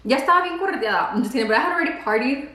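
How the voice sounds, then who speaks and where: High-pitched, bright and forceful, this pregnant beauty vlogger in her twenties speaks rapid-fire and expressively in an echoey room. She's a native Spanish speaker chatting casually over food and saying "like" a lot.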